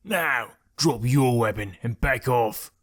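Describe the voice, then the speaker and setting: A man's voice: medium pitch, slow, close to an everyday voice. A man voicing a blustering male bandit leader in an audiobook, bellowing threats. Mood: threatening. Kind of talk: audiobook character voice.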